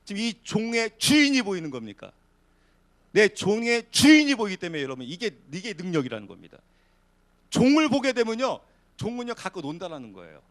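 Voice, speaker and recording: A male pastor preaching a sermon in an animated way, acting out quoted voices. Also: sits high, a little fast. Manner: animated, acts out quotes of devils and believers.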